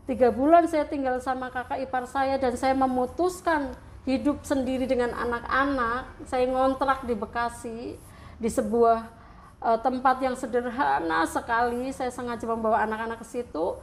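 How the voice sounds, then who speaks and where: Woman, middle-aged, from Central Java, high voice, emotional, heartfelt testimony, interview guest. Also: fairly even intonation, normal speed, slight background noise. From Central Java, Indonesia. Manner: emotional, heartfelt storytelling that rises into tearful prayer.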